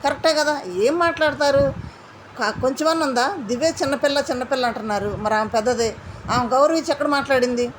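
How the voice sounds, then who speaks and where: Fast-talking high-voiced woman reviewer. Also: slight background noise. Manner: indignant, quotes housemates in mimicry. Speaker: reality show reviewer. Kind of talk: animated commentary recap.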